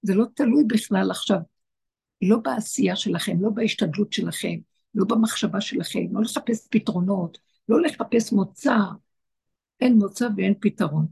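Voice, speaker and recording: A woman's voice: mid-range voice, gravelly, darkish tone, breathy edge. A woman giving an impassioned spiritual teaching to a group, repeating her phrases for emphasis. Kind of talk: Torah teaching to an online group.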